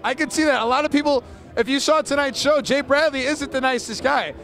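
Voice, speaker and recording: A man's voice: extremely high pitch, fairly quick, fairly bright tone. A man chatting casually and enthusiastically in an interview as a wrestling ring announcer. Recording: outdoor urban crowd and traffic noise.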